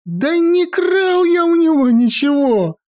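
A woman voicing a jittery, cowardly male sorcerer who pleads and frets in a high, whining patter. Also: animated, unhurried, a little mellow. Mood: fearful pleading.

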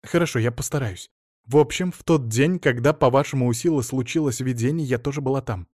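A man's voice: mid-range voice, fairly quick, dry recording, studio quality, close to an everyday voice. A man reading an audiobook, voicing a flustered, anxious woman who talks in a rush. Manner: excited and flustered. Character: anxious flustered woman talking fast on the phone.

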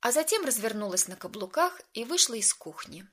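A woman reading a first-person audiobook story in an even, storytelling manner. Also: fairly high pitch, a little fast, slight background noise. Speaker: narrator.

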